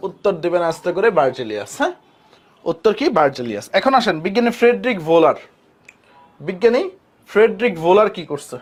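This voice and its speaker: A man's voice: sits high, big pitch swings, fast talker, long pauses. A man. He talks casually and repeats each point. He quizzes the class and then gives the answer himself. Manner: repetitive, asks students questions and answers them; colloquial Bangladeshi speech. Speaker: chemistry teacher. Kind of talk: classroom lecture.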